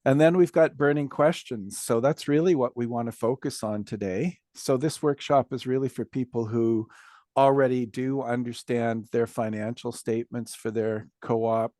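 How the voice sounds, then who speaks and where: A man's voice: mid-range voice, moderate pace, a little mellow, no echo, studio quality. Man hosting a video-call workshop. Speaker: workshop host. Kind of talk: online workshop talk.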